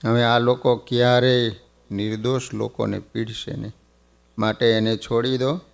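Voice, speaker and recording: A man voicing a commanding divine lord who gives stern, measured orders in a clear voice. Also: mid-range voice, level tone. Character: commanding divine lord addressing robbers, male.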